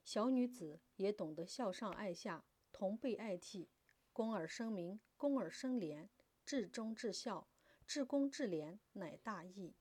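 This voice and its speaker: A woman voicing a fiery, defiant young daughter who declaims loudly and passionately. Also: mid-range voice, lively intonation, unhurried, slightly rough, no echo. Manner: impassioned, loud declaiming.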